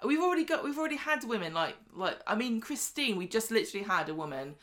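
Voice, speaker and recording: This woman co-hosts a podcast, casually recapping a soap opera in a chatty way. Her fairly high, fairly bright voice swings widely in pitch, and she performs the characters' lines in quick voices.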